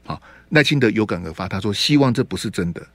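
A man's voice: on the low side, lively intonation, fast talker, a bit bright, no room sound. A man hosting a radio talk show, ranting about politics with mocking rhetorical questions. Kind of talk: opinionated political commentary.

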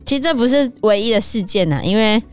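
A woman with a Taiwanese Mandarin accent, co-hosting a book-club podcast, calmly explaining the facts of real cases. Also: on the high side, fast talker, smooth, soft background music. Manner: explanatory, recounting case facts. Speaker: podcast co-host. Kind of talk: casual book-club chat.

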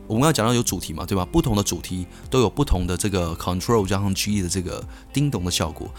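Young man telling stories on a podcast. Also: on the low side. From Taiwan. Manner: animated, frequent restarts and self-answered asides. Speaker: podcast host. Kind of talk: storytelling podcast monologue.

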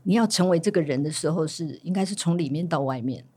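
A woman's voice: low voice, quick pace, a little mellow, breathy edge. A woman from Taiwan, a teacher guest on a panel, talking casually and reflectively, with the odd joke and stammered restart.

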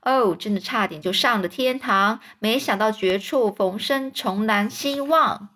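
A woman voicing a jubilant, boastful male centipede in a read-aloud storybook, exclaiming loudly in a drawn-out singsong. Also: medium pitch. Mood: ecstatic.

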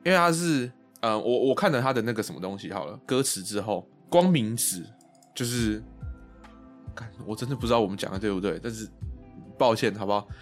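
A man's voice: on the low side, lively intonation, brisk, faint music behind. A man co-hosting a podcast, rambling and hesitant in casual chat, with the odd swear word. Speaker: podcast co-host.

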